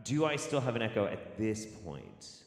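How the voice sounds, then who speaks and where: Male host, low-ish voice, lively delivery, rambling and self-mocking; cave echo with long reverb. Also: moderate pace, soft background music. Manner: rambling, swearing, laughing at himself. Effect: cave-like echo on the mic. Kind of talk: casual online show chat. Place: home studio. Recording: echoey mic with long reverb.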